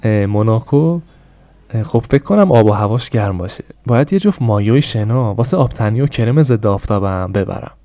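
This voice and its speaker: A man's voice: lowish voice, animated, warm tone, no echo. A man voicing a carefree teenage boy who talks in a breezy, unbothered way.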